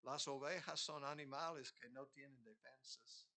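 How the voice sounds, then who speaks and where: Male pastor, slow bright delivery, expressive conversational sermon. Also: medium pitch. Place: church sanctuary.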